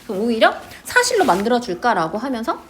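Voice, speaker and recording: A woman's voice: fairly high pitch, huge pitch swings, fast talker, a little hiss or hum. A young woman teaching a literature lesson, chatty and full of filler words. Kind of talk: high school literature lesson.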